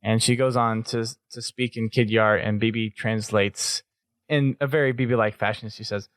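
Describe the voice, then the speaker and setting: A man co-hosting a podcast, recapping an episode in casual talk, often pausing and restarting his sentences. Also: lowish voice, fairly even intonation, a bit bright, dry recording. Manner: halting, restarts often while summarizing. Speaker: podcast co-host.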